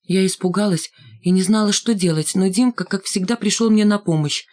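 A woman's voice: mid-range voice, fairly quick, a little mellow. A woman narrating a novel in the first person, reading expressively. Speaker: audiobook reader.

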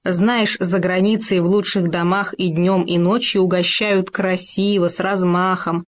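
A woman's voice: on the low side, level tone, measured pace, lightly acted. Lady doing a sugary mincing hamster guy, greedy and bossy. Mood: sugary affected. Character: boastful male hamster, greedy, affected manners.

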